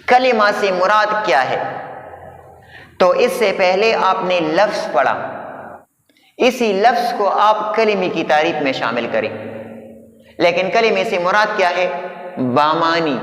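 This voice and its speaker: A male grammar teacher giving a lecture at a board, slowly asking questions and answering them himself, repeating each key term to drill pronunciation. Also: high voice, a bit bright. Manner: slow, deliberate, drills pronunciation. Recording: echoey room with long reverb.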